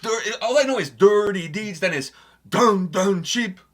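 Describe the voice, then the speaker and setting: Middle-aged guy cohosting a chill podcast, high voice, swears a lot, lots of "i, i, i" restarts. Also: a little slow. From Portugal. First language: Portuguese. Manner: stammering restarts, frequent swearing. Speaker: co-host. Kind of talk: casual podcast banter.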